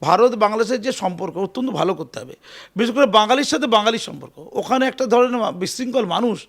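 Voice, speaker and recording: A man giving an animated, emphatic political interview, often repeating his phrases. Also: sits high, fast. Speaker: interview guest.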